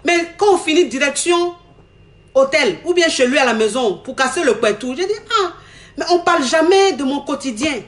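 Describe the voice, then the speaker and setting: This is a young woman, and her voice sits somewhat high. She tells her own story with animation, circling back over the same lines. She acts out bits of what others said along the way. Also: normal speed. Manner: animated, repeats herself, acts out quoted talk. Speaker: woman giving a testimony. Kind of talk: candid personal storytelling.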